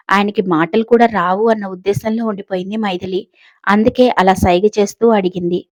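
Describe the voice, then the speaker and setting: A woman telling an audio story, reading scripted narration in a steady, descriptive way. Her voice sits at an ordinary middle pitch, recorded close and dry with no room echo.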